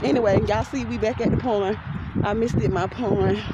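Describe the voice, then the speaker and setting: A woman's voice: medium pitch, fairly even intonation, moderate pace, highs cut off, very noisy. A woman with a Southern US accent, venting animatedly to her followers in a walking vlog, laughing often and talking straight to the viewers. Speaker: vlogger. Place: outdoors walking by a pond.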